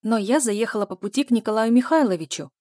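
A scared young woman holds her ground, her voice trembling and raised higher than the narration, as a woman reader plays her. It is a close, dry recording with a mellow tone. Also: fast talker, no room sound, lightly acted. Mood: insistent. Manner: trembling, pleading. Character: frightened young woman, stubborn.

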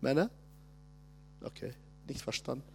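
A man, preaching a conference sermon and addressing the congregation directly, moving between loud emphasis and quiet asides. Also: medium pitch, lively intonation, unhurried, creaky, a little hiss or hum. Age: 60s.

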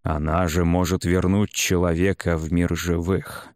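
A male narrator voices a stubborn, grieving warrior chieftain who speaks in a grim, slow, determined way. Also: low voice, flat delivery, darkish tone, no room sound, studio quality. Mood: earnest.

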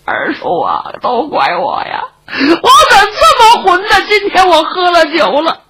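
A woman's voice: extremely high pitch, wildly swooping pitch, unhurried, background noise, pitched above the performer's own voice, heavily acted. A woman voicing a remorseful young man who sobs and cries out in repentance. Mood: sobbing remorse. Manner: sobbing, crying out.

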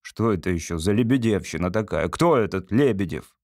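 Figure: weary old Bolshevik father acted by a man. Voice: lower and quieter than the narration. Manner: cautious, baffled questions. Sound: dry, close. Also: lively intonation, a little fast, dry recording.

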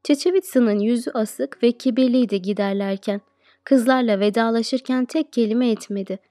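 Woman audiobook narrator, higher voice, dry close sound, faint music behind. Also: moderate pace, mellow, no echo. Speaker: teacher reading an audiobook.

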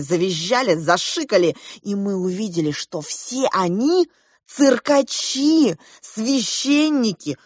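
A woman narrating a fairy-tale audiobook in slow, measured storytelling. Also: medium pitch, darkish tone, breathy edge, dry recording, studio quality.

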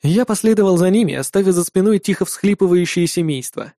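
A man reading a first-person fantasy adventure aloud in steady storytelling style. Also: high-pitched, a little fast, dry recording, clean studio sound. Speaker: audiobook narrator.

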